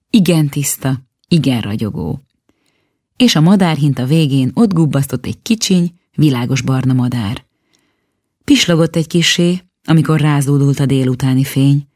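A woman reading a children's story aloud in calm, steady storytelling narration. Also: very deep voice, dry recording, clean studio sound. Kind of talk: audiobook narration.

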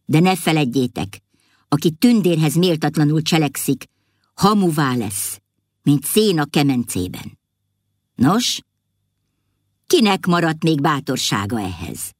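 A woman's voice: deep voice, very animated, long pauses, darkish tone, no room sound, clean studio sound. A woman voicing an indignant fairy-tale king who scolds and lays down the law in a storybook reading. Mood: commanding. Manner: scolding, commanding. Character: stern indignant fairy-tale king, male, middle-aged.

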